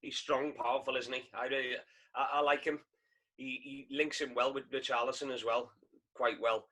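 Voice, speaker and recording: A man's voice: mid-range voice, fairly even intonation, moderate pace, bright, forceful tone, rough recording. A man chatting about football on a podcast in an easygoing way, often tagging questions onto his points. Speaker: podcast panelist. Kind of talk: casual football chat.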